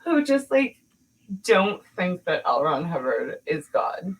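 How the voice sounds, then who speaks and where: A woman's voice: lowish voice, big pitch swings, slow, slightly rough, low-quality recording. A woman hosting a podcast, talking bluntly in a casual chat, swearing freely and laughing often. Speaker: podcast host.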